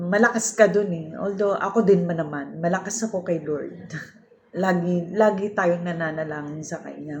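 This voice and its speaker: A woman's voice: lowish voice, darkish tone, a little hiss or hum. A woman recording a casual birthday message to her mother, affectionate and laughing often, mixing in English. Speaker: child greeting her mother.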